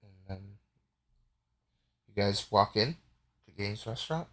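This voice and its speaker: A man narrating casually as game master, relaxed, with frequent fillers and easy laughter. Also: lowish voice, a little slow.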